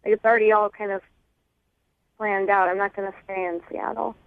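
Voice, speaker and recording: A woman's voice: mid-range voice, little pitch movement, brisk, clear, resonant tone, no echo. A woman calling in to a morning radio show, hesitant and stammering, filling her talk with "like". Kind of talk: phone call on morning radio. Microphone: telephone. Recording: tinny phone line.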